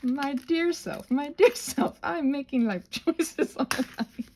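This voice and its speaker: A high-pitched woman speaks slowly on a very noisy phone recording. She's a craft creator showing butterfly wing prep, rambling casually and dramatically, interrupting herself and murmuring asides to herself and to objects.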